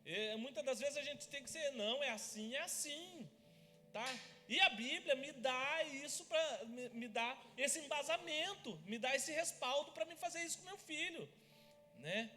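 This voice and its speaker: A man preaching in church, telling family stories in a lively way. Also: very high-pitched, normal speed, soft background music. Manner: lively storytelling, acts out family scenes. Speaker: pastor. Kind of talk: sermon with personal stories. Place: church hall. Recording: church hall reverb.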